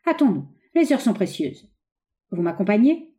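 A woman reading an audiobook, voicing a ruthless, scheming young man who speaks in an urgent, forceful, raised voice. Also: medium pitch, big pitch swings, normal speed, voice pushed up, close to an everyday voice.

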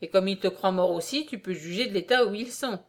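A woman's voice: mid-range voice, fairly quick, natural voice. A woman reading aloud, voicing a kindly, fussy old man on crutches who talks in a fatherly, exclaiming way.

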